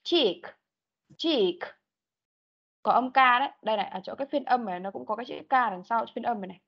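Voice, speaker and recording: A woman's voice: a little high, racing, creaky, muffled recording. A woman teaching an English vocabulary class online, patiently calling out words one at a time for pupils to repeat. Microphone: computer mic on a video call.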